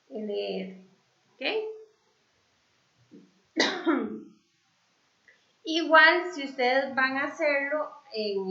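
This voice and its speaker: A woman teaching English in Spanish, slowly going over grammar in a review class with many fillers. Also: sits high, vocal fry, sharp tone. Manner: slow, explanatory, with fillers. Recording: echoey, dull lo-fi sound.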